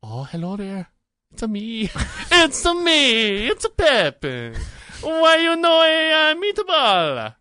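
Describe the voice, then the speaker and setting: A man doing a goofy, squeaky cartoon hobbit. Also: huge pitch swings, slow, sharp tone, smooth, full character voice. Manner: exaggerated sing-song delivery. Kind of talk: comic impression on a podcast.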